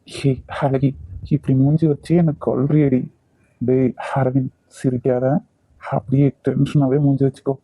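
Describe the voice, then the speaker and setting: A man's voice: medium pitch, level tone, a little slow, mellow, slightly rough, dry recording. A man voicing a cocky male college senior with a Kanyakumari Tamil accent, teasing and domineering.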